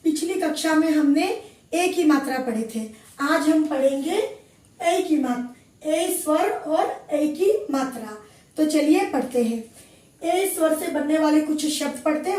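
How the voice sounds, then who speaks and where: A woman Hindi teacher giving a slow classroom lesson, repeating each word clearly as she spells out sounds. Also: high-pitched, lively intonation, a little mellow, recorded from a distance. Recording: echoey room, voice from afar.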